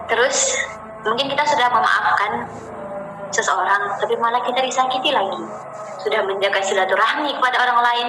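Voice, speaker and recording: A woman teaching an informal Islamic study session in a gentle way, often repeating phrases and speaking directly to her listeners as friends. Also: fairly high pitch. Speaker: ustadzah leading a religious study session. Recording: roomy sound with music playing behind.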